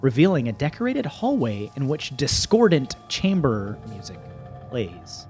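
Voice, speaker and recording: A man runs a tabletop fantasy game, narrating scenes to the players. His voice is fairly high and animated, with music playing behind him. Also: a little slow. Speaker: game master.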